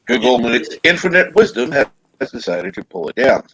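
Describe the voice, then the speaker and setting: A man's voice: medium pitch, very animated, moderate pace, a bit bright, husky, no room sound, low-quality recording. A man hosting a casual talk show, giving his opinions in an informal way. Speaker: talk show host reading chat comments.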